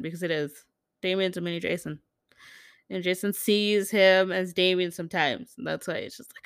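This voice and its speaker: A woman's voice: fairly low pitch, clear, resonant tone, no room sound. Woman podcaster reading comments, super casual, swears a lot, laughs, dry close sound. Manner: acts out quoted characters in jumped-up voices. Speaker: podcast host.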